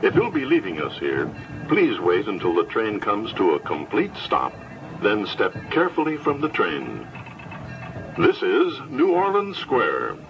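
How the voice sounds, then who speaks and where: A man's voice: on the low side, wildly swooping pitch, measured pace, vocal fry, distant mic, over music. A man giving scripted tour narration for a train ride, heard over a PA system in a folksy announcing manner. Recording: muffled onboard loudspeaker with noise.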